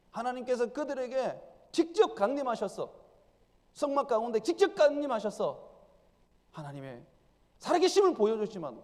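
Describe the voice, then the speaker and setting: A male pastor delivers an emphatic sermon in a church sanctuary, his high voice leaping and dropping across a lively range. The hall carries a long reverb behind him. He slips into the voices of the people as he acts out their prayers.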